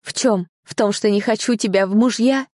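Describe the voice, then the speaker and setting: A woman voicing a defiant, tearful young bride in an audiobook, pleading in a high, strained voice. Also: brisk, a little mellow, dry recording, clean studio sound, lightly acted. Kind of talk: audiobook character voice.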